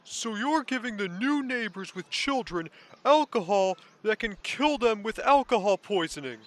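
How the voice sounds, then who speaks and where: A man's voice: high-pitched, lively intonation, normal speed, fairly bright tone. A man voicing a sassy, blunt, easily outraged kid in an overacted anime fan dub. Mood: sarcastic. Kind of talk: abridged fan dub acting.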